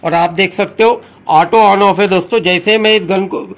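High-voiced man giving a casual demo. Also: fairly even intonation, moderate pace, fairly bright tone. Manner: friendly instructional, repeats "जी हाँ दोस्तों". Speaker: channel host demonstrating a car washer.

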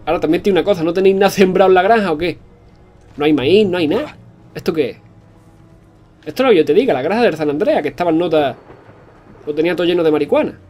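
A man commentating a video game, excitable, swearing and joking to his viewers. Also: high-pitched, quick pace, pauses often, faint music behind. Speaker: gaming commentator. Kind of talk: let's play commentary.

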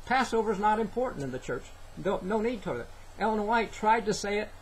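Older man preaching, slightly high voice. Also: expressive, a little hiss or hum, rough recording. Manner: earnest, halting, with many fillers and scripture citations. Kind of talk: sermon-style Bible teaching. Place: small indoor room. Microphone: webcam, head-and-shoulders framing.

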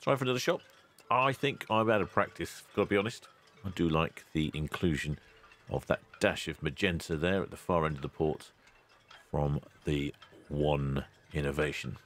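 A man, hosting a ship-spotting channel in a relaxed, chatty voice-over with dry asides. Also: very deep voice, moderate pace, slight background noise. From England. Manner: chatty, dry asides, loud cheery greetings.

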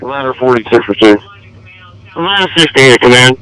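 A man's voice: mid-range voice, animated, moderate pace, pushed and bright, clear, resonant tone, dry recording. A male firefighter giving urgent, clipped reports over a two-way radio. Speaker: firefighter company officer. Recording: noisy vehicle radio transmission.

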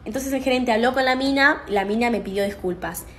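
A young woman with an Argentine accent telling a work story in a rapid, chatty, slangy way. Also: a little high, slight background noise. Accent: Argentine Spanish. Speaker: TikTok storyteller. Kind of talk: casual storytime monologue.

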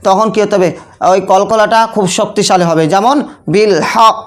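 A man's voice: high-pitched, fairly even intonation, a little fast. A man teaching Quran recitation rules in a classroom lesson. He keeps asking questions, answers them himself, and often checks in with short tag questions.

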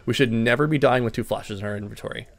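A man's voice: mid-range voice, quick pace, creaky. A man coaching a player, giving direct instructions and repeating key points. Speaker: gaming coach. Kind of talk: coaching session with game review.

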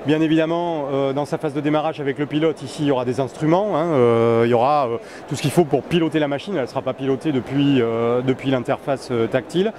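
At a busy indoor trade-show hall, a sales manager in his forties answers interview questions in a measured, hesitant manner full of filler sounds. His medium-pitched voice has fairly even intonation, picked up close on a handheld interviewer mic, with crowd noise clearly audible behind him.

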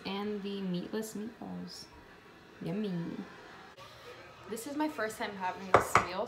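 A woman's voice: mid-range voice, noisy background. A young woman chatting casually to camera in a fitness vlog, rambling and filling gaps with "like" and "um". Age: young adult. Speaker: fitness vlogger. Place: home kitchen.

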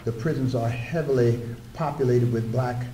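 With a steady, mellow, medium-pitched voice at normal speed, the guest lecturer, an older man, recounts personal stories at a podium microphone and speaks aside to the crowd. The wooden podium sits in a roomy lecture room, and a little hiss or hum comes through.

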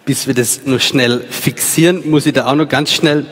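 A man's voice: mid-range voice, fairly even intonation, moderate pace, a bit bright, breathy edge. A man in his thirties from Salzburg with an Austrian accent, giving a chatty, informal personal sermon with many fillers on stage in a large church. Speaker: preacher. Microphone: handheld mic. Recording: long church reverb.

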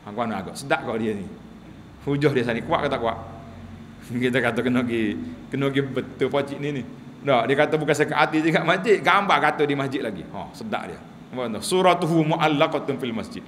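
A man's voice: medium pitch, expressive, fast, fairly bright tone, big-room sound. Religious teacher guy, tells funny stories, faint noise in the back. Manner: humorous storytelling, acts out quotes. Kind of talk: sermon lecture.

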